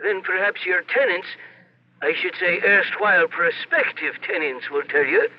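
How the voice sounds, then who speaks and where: Radio drama: cryptic old lawyer, high-set deliberate voice, lo-fi broadcast. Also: male voice, expressive. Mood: ominous, cryptic. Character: penny-pinching old Irish solicitor, guarded and foreboding. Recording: muffled, faintly noisy old radio.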